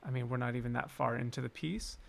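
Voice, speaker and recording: Speaking quickly in a creaky, mid-range voice, a man runs a livestream on composing game music. He muses out loud in an informal, talkative manner, now and then humming bits of a tune.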